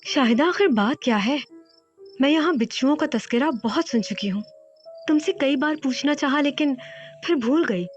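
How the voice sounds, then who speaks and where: A woman's voice: high voice, lively intonation, moderate pace, muffled recording, soft background music. A woman playing a teasing young friend. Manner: teasing, giggly.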